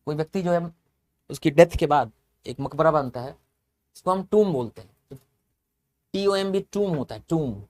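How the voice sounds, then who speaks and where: A man's voice: a little high, normal speed, long pauses, a little mellow. A man teaching English vocabulary in a lecture, explaining step by step, spelling words out letter by letter and repeating them. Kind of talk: classroom lecture.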